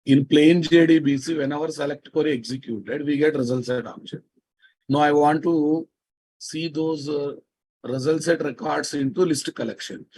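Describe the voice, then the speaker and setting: Husky Indian man lecturing with a Telugu accent. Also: fairly high pitch, fairly even intonation, normal speed, darkish tone, poor audio. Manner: emphatic, repeats phrases and prods listeners with questions. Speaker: software teacher. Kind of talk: live programming lecture to a class.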